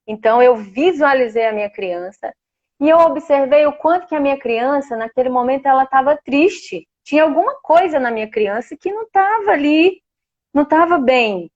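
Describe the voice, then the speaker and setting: A woman's voice: high-pitched, animated, moderate pace, darkish tone, dull audio. A woman with a Brazilian Portuguese accent, a guest telling a personal story in a heartfelt, emotional way. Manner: heartfelt, emotional, laughs now and then. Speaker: guest sharing a personal experience.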